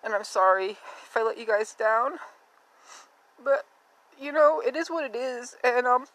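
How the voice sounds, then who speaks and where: A woman's voice: on the high side, fairly bright tone, poor audio. A woman hosting a podcast, talking in a candid, rambling personal monologue with many fillers and a subdued, unsteady delivery. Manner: rambling and confessional, with frequent fillers. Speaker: podcast host.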